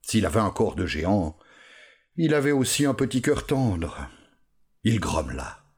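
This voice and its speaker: A man reading a storybook aloud with expressive, unhurried storytelling. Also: lowish voice, slightly rough. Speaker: narrator. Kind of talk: storybook narration.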